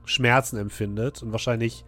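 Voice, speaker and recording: A man narrating a tabletop fantasy game as game master, telling the story descriptively and haltingly. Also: medium pitch, fairly even intonation, fairly bright tone, no echo, faint music behind.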